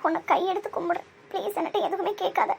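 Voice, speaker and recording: A woman's voice: high-pitched, steady tone, a little fast, a little hiss or hum, natural voice. A woman voicing an evasive young daughter. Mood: desperate. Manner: evasive, hesitant, deflecting. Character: troubled young woman medical student, secretive daughter. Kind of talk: cartoon voice acting.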